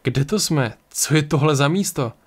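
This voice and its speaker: A man's voice: a little high, lively intonation. A man voicing a shocked, hot-tempered young man who reacts with outraged outbursts. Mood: bewildered.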